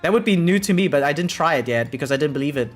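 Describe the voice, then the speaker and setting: Racing along in an animated, high-leaning voice, a variety game streamer chats with his live audience over soft background music. He's rambling, repetitive, slangy and profane, and he keeps ending sentences with "right?".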